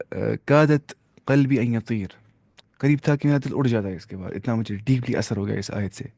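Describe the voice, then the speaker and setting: A man explains Arabic grammar rules, slipping English terms into his talk and reading Arabic examples slowly. His voice is warm and mellow, with conversational fillers. The sound is dry and close, with no room around it. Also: medium pitch, no room sound. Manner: conversational, with fillers and self-corrections. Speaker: Arabic teacher.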